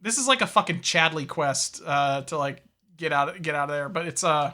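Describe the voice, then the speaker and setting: Brief: male co-host, bright tone, rambling and profane. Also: fairly high pitch, normal speed. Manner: rambling, profane, reads news aloud. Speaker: podcast co-host. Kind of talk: casual chat.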